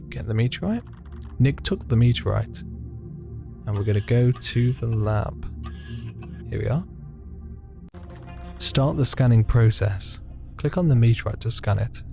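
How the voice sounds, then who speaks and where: A man's voice: mid-range voice, gravelly. A man playing a visual novel, reading its narration aloud and reacting with swearing and jokes. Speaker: gaming video host.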